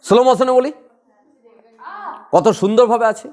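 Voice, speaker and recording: A man's voice: very high voice, moderate pace, darkish tone. A man teaching a class on poetic rhythm, who talks playfully, laughs often and acts out quarrels and recites verse. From West Bengal. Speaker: Bengali literature tutor.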